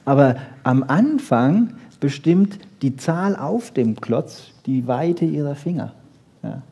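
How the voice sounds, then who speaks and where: A man lecturing on brain research speaks slowly in a fairly high, expressive voice that is creaky, dark, and slightly rough. His animated, informal lecture to an audience is conversational, with rhetorical questions and short emphatic statements.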